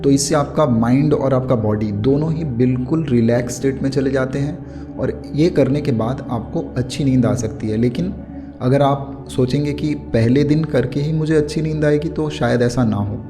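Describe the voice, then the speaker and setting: A man with an Indian accent giving an explanatory meditation lesson in a soothing, unhurried yoga-teacher manner. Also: medium pitch. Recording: clear music bed under the voice. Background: music.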